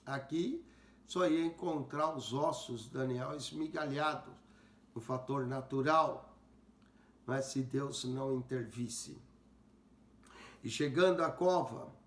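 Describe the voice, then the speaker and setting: A male pastor teaching a Bible passage, speaking deliberately and repeating verses to comment on them. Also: fairly high pitch. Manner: slow, deliberate, rereads verses aloud and comments. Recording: roomy echo.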